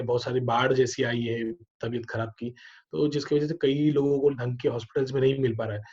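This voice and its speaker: A man's voice: medium pitch, a little mellow. Indian man, partner group member, courteous and deferential, lo-fi call audio. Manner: polite, deferential, keeps saying sir. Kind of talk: online webinar question. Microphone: video call.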